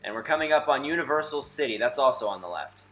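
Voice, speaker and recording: A man's voice: mid-range voice, expressive, quick pace, music in the background. A young man narrating a casual driving vlog from inside his car, chatty and wry, his voice a bit muffled from a camera mic set away from him. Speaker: vlogger. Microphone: camera mic from a distance, muffled.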